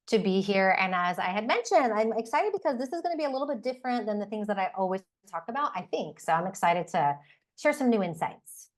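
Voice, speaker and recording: A woman's voice: medium pitch, expressive, quick pace. A woman in her forties from Texas with an American accent, chatting as a podcast guest, peppered with like and you know. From Texas, United States. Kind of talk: casual podcast interview.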